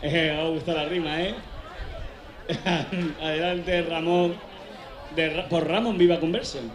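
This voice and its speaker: A man from hosting a live joke contest on an outdoor stage, lively and teasing as he hurries contestants along. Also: a little high, takes it slowly. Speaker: event host. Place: outdoor stage at a beach event. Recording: echoey outdoor stage, loud crowd.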